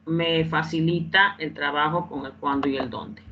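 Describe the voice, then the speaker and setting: A woman's voice: deep voice, fairly even intonation, normal speed, dull audio, a little hiss or hum. A woman teaching English in Spanish in an online class, repeating phrases and often checking that students follow.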